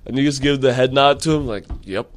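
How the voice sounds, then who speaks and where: A man's voice: medium pitch, steady tone, slight background noise. A man talking in casual, rambling banter as a co-host, drawing out his stories. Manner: rambling, drawn-out storytelling.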